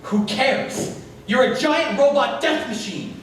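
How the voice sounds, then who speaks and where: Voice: high-pitched, slow pace, a little hiss or hum. An actor playing a bossy, cackling megalomaniac villain in a broad stage comedy, impatient and gleefully murderous. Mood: impatient bullying. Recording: echoey hall from far off.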